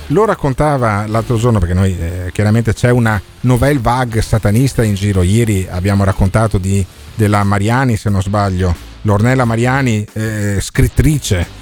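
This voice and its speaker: A man's voice: fairly low pitch, darkish tone. A man hosting a morning radio show, joking crudely and filling gaps with hesitations. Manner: bantering, crude, hesitant with many fillers. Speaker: radio host.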